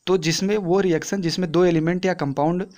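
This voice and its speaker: Young guy teaching science, kinda high voice, keeps asking the class stuff then answering it himself. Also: fairly even intonation, fairly quick, darkish tone. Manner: chatty, asks and answers own questions. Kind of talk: casual classroom explanation.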